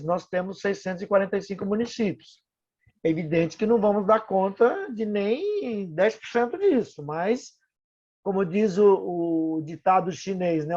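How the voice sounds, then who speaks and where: High-voiced talkative older man on call. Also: a little mellow. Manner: talkative, self-deprecating, offers help repeatedly. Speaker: municipal housing official. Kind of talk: online webinar discussion. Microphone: video call. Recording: dull lo-fi video call audio.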